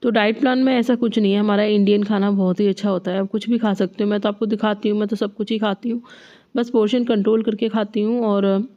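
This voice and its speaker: A woman's voice: medium pitch, steady tone, fast, mellow, dull audio. Woman with a stuffy cold voice, chatty vlog. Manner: chatty, advice-giving, frequent tag questions. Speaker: vlogger. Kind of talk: casual diet vlog chat.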